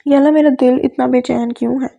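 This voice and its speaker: Brief: a woman voicing an anguished young man praying in fear, dark tone. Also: sits high, fairly even intonation, gravelly, dull audio. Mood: anxious. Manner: pleading, desperate.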